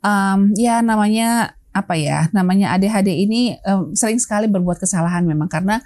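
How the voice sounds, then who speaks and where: A woman's voice: medium pitch, fairly quick, a little mellow. A woman guest explaining child-rearing in an interview, hesitant with many fillers, acting out little parent and child exchanges. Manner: acts out parent and child lines. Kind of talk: interview, explaining with acted examples.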